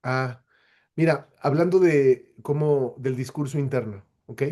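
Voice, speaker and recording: A man's voice: medium pitch, measured pace, mellow. A man speaking as a webinar guest, answering audience questions in an explanatory way and often tossing in rhetorical questions.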